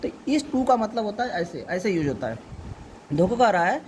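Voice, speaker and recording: Patient male tutor, slow and careful. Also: high voice, big pitch swings, a little mellow, slight background noise. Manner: patient, reads word by word for a child to repeat. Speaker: home tutor. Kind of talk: English reading lesson explained in Hindi.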